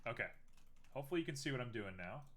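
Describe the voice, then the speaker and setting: On a live stream of his art-making, a young man keeps up a chatty, self-teasing running commentary of his thoughts as he works. His medium-pitched voice is animated, and he talks at a racing pace.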